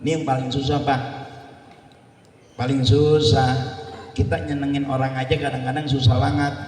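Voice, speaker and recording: Male preacher, animated sermon with chanted prayers; distant, roomy hall sound. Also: medium pitch, moderate pace, a little hiss or hum. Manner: lively, jokey, shifts between chanting and loud storytelling. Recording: echoey hall from far off.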